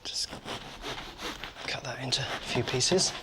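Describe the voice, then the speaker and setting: A man with a mid-range voice hosts a cooking show, speaking slowly in a whisper. He chats casually as he prepares and tastes food in his kitchen, giving a cooking demonstration.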